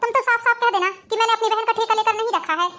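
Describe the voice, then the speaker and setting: A woman playing a scheming, sharp-tongued young pregnant wife in a cartoon family drama, talking persuasively. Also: extremely high pitch, fairly even intonation, fast. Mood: insistent. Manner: persuasive, insistent.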